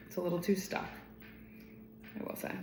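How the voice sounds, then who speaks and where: A woman's voice: moderate pace, background noise. A woman cooking pasta in her home kitchen, explaining each step in a chatty, casual way.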